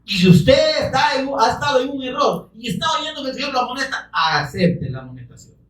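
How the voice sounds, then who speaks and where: A man's voice: extremely high pitch, sing-song, brisk, distant mic. Fervent preacher man, echoey hall. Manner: fervent, bursts into shouting, pleads with rhetorical questions. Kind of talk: evangelical sermon.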